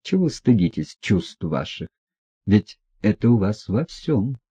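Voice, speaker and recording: A man voicing a meek, gentle young prince who speaks softly, earnestly and patiently. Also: on the low side, very animated, a little slow, husky, highs cut off, exaggerated voice.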